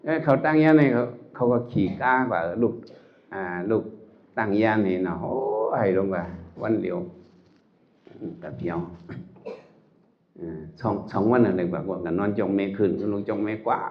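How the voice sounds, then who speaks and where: Low-voiced monk in lo-fi recording. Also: male voice, animated, normal speed. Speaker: Buddhist monk. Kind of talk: informal Dhamma talk. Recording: dull lo-fi recording.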